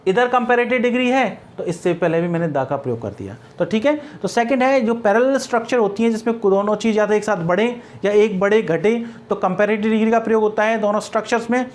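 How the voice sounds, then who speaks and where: A man's voice: high-pitched, fast, few pauses. A male English grammar teacher explaining step by step, mixing English terms into Hindi and answering his own questions. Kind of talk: Hindi-language grammar lesson.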